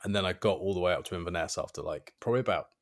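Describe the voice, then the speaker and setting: A deep-voiced man in casual podcast chat. He tells his stories with a lively, exasperated energy, swearing for emphasis and breaking into laughter. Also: very fast. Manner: animated storyteller, swears for emphasis, laughs often. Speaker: podcast co-host.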